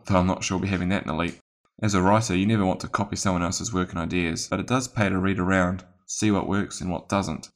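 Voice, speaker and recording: A writer reflecting on his craft in a measured, explanatory way. His voice is deep and low, with a gravelly fry running through it. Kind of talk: reflective talk on writing.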